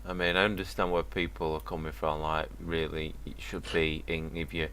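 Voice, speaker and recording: A man in casual chat with a friend, answering hesitantly and quietly. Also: extremely low pitch, little pitch movement, moderate pace, clean tone.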